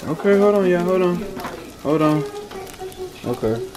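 Over kitchen clatter and sizzling, an American man vlogging as an amateur home cook chats casually in a small indoor kitchen, muttering and repeating himself in puzzlement. His voice is high-pitched and unhurried with lively intonation, and the recording is low quality.

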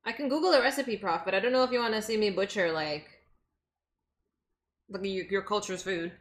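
A young woman from Los Angeles, her voice medium-pitched and brisk, chats casually with her stream while cooking in her home kitchen, answering chat as she chops. A desk microphone sitting on the counter picks her up.

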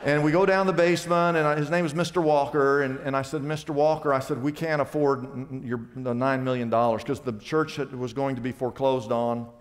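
A pastor telling a story in a sermon, animated and rising to loud excited peaks. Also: male voice, mid-range voice, brisk, hardly any pauses. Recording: long reverb of a large hall.

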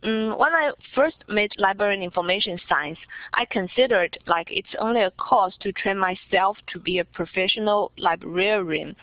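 A woman's voice: mid-range voice, normal speed, dry recording. A young woman from China with a Chinese accent, giving interview answers in hesitant non-native English, searching for words. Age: young adult. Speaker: interviewee, visiting scholar. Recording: dull lo-fi recording.

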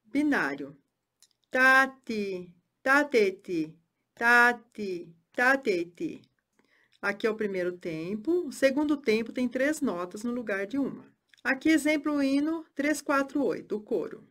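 A woman teaching music theory, speaking clearly and chanting rhythm syllables. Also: on the high side, lively intonation, normal speed. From Brazil.

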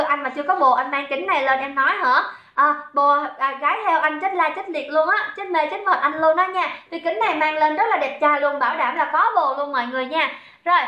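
A young woman selling on a livestream, chatty and teasing as she reads out viewer comments. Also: sits high. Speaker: livestream seller. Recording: echoey room, dull lo-fi sound.

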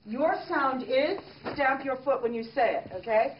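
A woman drama teacher leading a classroom activity, giving upbeat and clear instructions. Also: sits high, expressive, unhurried, lo-fi sound, a little hiss or hum.

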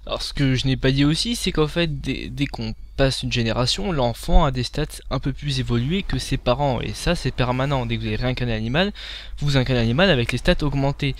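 A young man with a French accent giving casual, animated commentary while playing and reviewing a game, taunting enemies and swearing. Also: medium pitch, a little fast, slight background noise.

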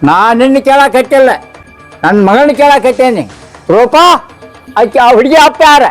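A man's voice: very high voice, normal speed, faint music behind. A man playing a stern old grandfather in a village skit, speaking bluntly with a North Karnataka Kannada accent. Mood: confronting. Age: older. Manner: blunt, confronting.

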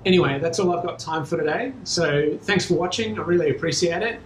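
A man in his thirties with an Australian accent, talking casually to camera about cycling, relaxed and chatty with frequent ums, in a small garage with bikes. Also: on the high side, fairly quick, a little hiss or hum. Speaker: cycling vlogger. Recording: echoey small room, faint ambience.

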